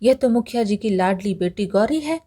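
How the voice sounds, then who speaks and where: Astonished male village moneylender, put on by a woman storyteller, warm tone. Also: mid-range voice, animated, moderate pace, natural voice. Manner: bewildered.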